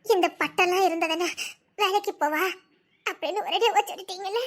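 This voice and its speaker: Very high-voiced pregnant young wife, tirunelveli tamil accent, crying and laughing bitterly, tv serial. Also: female voice, brisk. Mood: distraught. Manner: sobbing, laughing through tears, shouting accusations. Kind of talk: TV serial acting.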